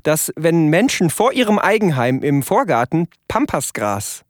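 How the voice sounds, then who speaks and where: High-voiced man joking in dry studio sound. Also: big pitch swings, moderate pace, no room sound. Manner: rambling, joking, many fillers. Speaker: podcast co-host. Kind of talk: casual comedic chat.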